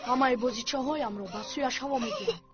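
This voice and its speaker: A woman's voice: sits high, natural voice. An actress dubbing a worried woman who pleads and comforts a crying child. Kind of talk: dubbed TV drama. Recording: lo-fi with music underneath.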